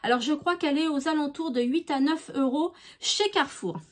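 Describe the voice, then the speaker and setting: A woman's voice: high voice, normal speed. A middle-aged woman chatting casually about her beauty purchases, enthusiastic, with frequent hesitations. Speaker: beauty vlogger. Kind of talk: casual haul chat to camera.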